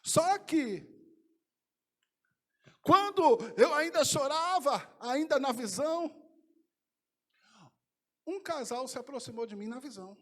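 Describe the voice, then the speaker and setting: A man preaches in a church. His delivery is impassioned, dropping to near whispers and then rising to shouted declarations. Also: very high voice, lively intonation, slow pace, long pauses. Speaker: pastor. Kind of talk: sermon. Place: church sanctuary.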